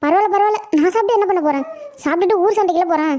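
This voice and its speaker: A performer voicing a devoted village housewife in a cartoon, with a Tamil Nadu accent and a quick, chattering manner. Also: very high voice, warm tone. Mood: sulking. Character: patient village housewife, devoted to her husband. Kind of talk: cartoon voice acting.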